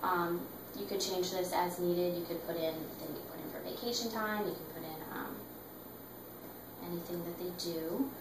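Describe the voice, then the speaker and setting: Echoey, distant woman giving a sales pitch. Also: fairly even intonation, moderate pace. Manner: sales pitch, explaining and persuading. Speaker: sales representative in a practice role play. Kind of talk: semi-rehearsed sales pitch with a client. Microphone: distant microphone. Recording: roomy echo, distant mic, clear background noise.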